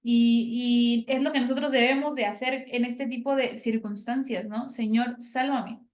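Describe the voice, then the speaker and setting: A woman's voice: high-pitched, fairly quick. A woman reflecting on scripture in a church discussion, often checking in with a questioning tag, over a video call. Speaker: discussion participant. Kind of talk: Bible teaching discussion. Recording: roomy echo.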